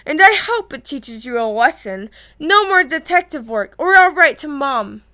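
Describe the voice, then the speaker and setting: A pompous teenage boy prefect, read by a woman with a bright voice. He scolds in a stern tone in a storybook reading. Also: high voice, very animated, moderate pace, full character voice. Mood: scolding.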